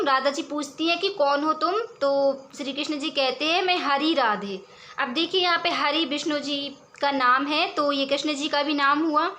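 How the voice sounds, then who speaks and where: Bright high-voiced woman teacher. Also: a little hiss or hum. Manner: reads verse lines slowly, then explains patiently. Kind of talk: explaining poetry examples.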